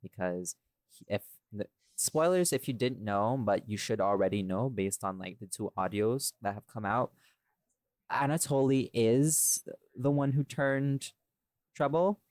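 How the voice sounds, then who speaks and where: A podcast host and audio series creator leads a casual discussion, rambling and thinking aloud while often checking in with "right?". His mid-range voice is unhurried and a little mellow. The recording is clean studio sound with no echo.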